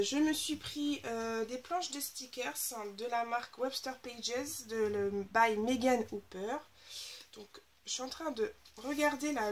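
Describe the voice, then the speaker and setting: Her voice runs somewhat high and a bit nasal, as if slightly blocked, with a little hiss or hum in the recording. As a scrapbooking vlogger, she chats eagerly through a casual haul video, gushing about her newly bought craft supplies.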